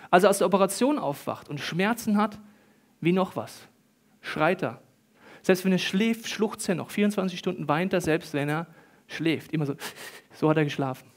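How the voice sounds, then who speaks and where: A man preaching as a pastor, telling stories with lively swings between loud bursts and quiet, acting out the voices he quotes. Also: high voice, moderate pace. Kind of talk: sermon.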